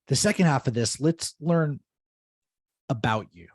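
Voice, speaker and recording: A man's voice: medium pitch, lively intonation, a little slow, husky, dry recording, clean studio sound. A man hosting an interview podcast, friendly and upbeat, often repeating a word as he starts a sentence. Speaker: podcast host.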